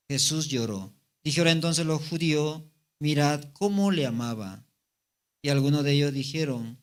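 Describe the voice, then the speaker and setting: A man's voice: mid-range voice, a bit bright. A man preaching a Sunday sermon, reading scripture aloud and breaking in with rhetorical questions to the congregation. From Bolivia. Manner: voice rises and slows for the quoted words. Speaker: evangelist preacher.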